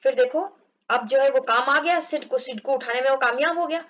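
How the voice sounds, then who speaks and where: High-voiced woman teaching English. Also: a bit bright. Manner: reads English lines slowly, explains in Hindi, acts out groans. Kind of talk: explaining a textbook story to children. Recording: dull lo-fi recording.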